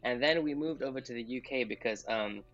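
A man's voice: medium pitch, brisk, a bit bright, highs cut off, soft background music. A man in his twenties, a doctor raised in England, chatting casually as a podcast guest and laughing often. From Pakistan, raised in England.

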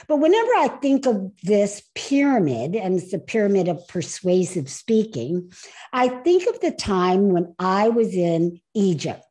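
A woman hosting a podcast on speaking, telling a personal story with animated, emphatic delivery. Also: a little high. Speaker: podcast host and speaker coach.

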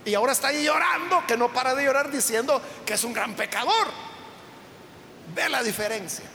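A man's voice: extremely high pitch, fairly quick, sharp tone, in a large hall, a little hiss or hum. A male preacher giving a sermon, telling a story and asking the congregation questions.

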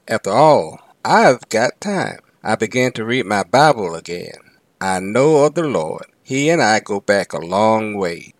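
A man reading as an earnest, struggling young single mother, telling her story slowly in the first person. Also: mid-range voice, no echo.

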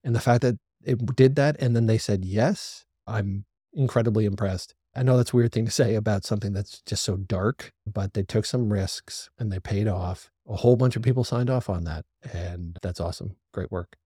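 A man with a lowish, mellow voice hosts a solo review podcast. He talks his opinions through aloud, analytical and opinionated. The sound is dry and close, with no room around it. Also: normal speed, hardly any pauses, slightly rough, no room sound. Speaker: podcast host reviewing a TV series.

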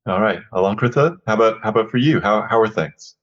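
A man's voice: on the low side, animated, fast talker, a bit bright, highs cut off. A man hosting a podcast interview, friendly and prone to repeating words as he starts his questions. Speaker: podcast host.

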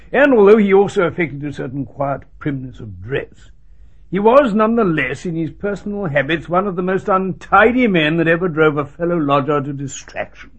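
An actor playing a fussy, exasperated English army doctor in a radio drama, with a husky voice. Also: male voice, a little high, muffled recording.

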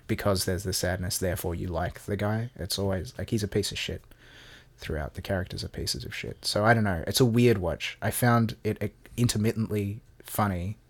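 A man co-hosting a podcast in casual chat, sweary and rambling with frequent restarts. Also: low voice. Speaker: podcast co-host.

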